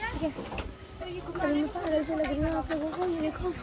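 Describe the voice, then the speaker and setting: Hoarse young woman vlogging, high voice. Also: fairly even intonation, moderate pace. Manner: chatty, playful, addresses viewers directly. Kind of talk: casual vlog chat. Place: home rooftop with family around. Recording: crowd of family chatter behind.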